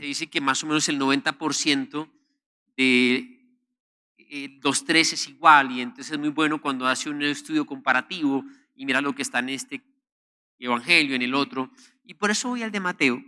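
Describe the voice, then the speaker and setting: Pastor guy preaching, bright forceful voice, kinda high, goes loud then soft. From Colombia. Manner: emphatic, repeats words as he preaches; shifts between loud stresses and soft low phrases. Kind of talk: sermon.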